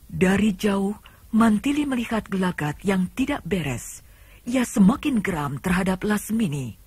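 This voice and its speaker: A woman's voice: mid-range voice, animated, a little slow, husky, no room sound. A woman narrating an old radio drama in a dramatic storytelling manner, heard from an old radio play recording. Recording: old tape with loud hiss.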